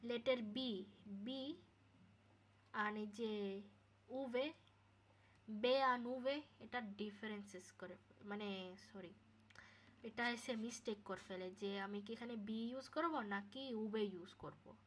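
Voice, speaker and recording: A woman teaching Spanish pronunciation in a recorded solo lesson. She talks casually, sounds letters out slowly and keeps checking in with "okay?". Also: medium pitch, fairly even intonation, husky. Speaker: Spanish tutor. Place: home, recorded alone.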